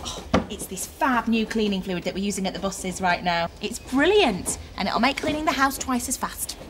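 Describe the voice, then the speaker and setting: A woman's voice: mid-range voice, expressive, normal speed, noisy background, lightly acted. A woman playing a chatty, eager bus worker in a children's TV show.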